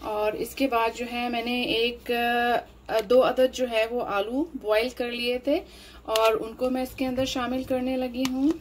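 A woman explains a home recipe step by step, unhurried and full of fillers. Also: fairly high pitch, level tone, slight background noise, rough recording. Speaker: cooking channel host. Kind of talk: home cooking demonstration voice-over.

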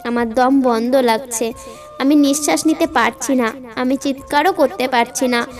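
A woman narrating a dramatic first-person story, getting emotional and rising high and loud when she voices the dialogue. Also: fairly even intonation, measured pace, soft background music.

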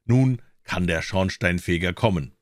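A fearless, cheeky old soldier out of a fairy tale, played by a male reader. He talks back with brash, mocking confidence, his low voice pushed a little higher for the part. Dry, close recording. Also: unhurried, no room sound. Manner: brash, mocking, self-assured. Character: bold, cheeky discharged soldier, fearless and sly.

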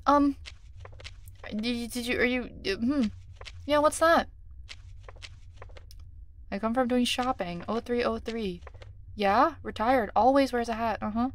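Speaking at a measured pace with long pauses, a native Korean-speaking woman streamer with a slightly high voice offers casual commentary on her game. She's chatty, thinks out loud, and quietly reads numbers and checks to herself.

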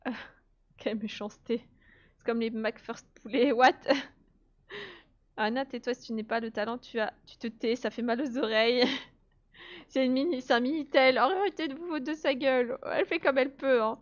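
A woman's voice: on the high side, moderate pace, muffled recording. A woman giving casual live gameplay commentary, chatty and laughing often as she answers her chat. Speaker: let's play streamer.

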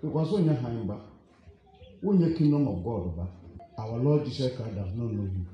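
A man's voice: mid-range voice, animated, moderate pace, lo-fi sound. A man preaching a sermon as pastor, hammering the congregation with rhetorical questions. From Ghana. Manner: preaching, rhetorical questions, mixing English and Twi. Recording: echoey church hall.

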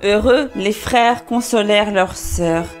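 A woman storyteller narrating a fairy tale in a slow, expressive way. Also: medium pitch, faint music behind.

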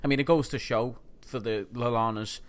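A man's voice: mid-range voice, fairly even intonation, normal speed. A man co-hosting a podcast, chatting casually about football and putting questions to his co-host.

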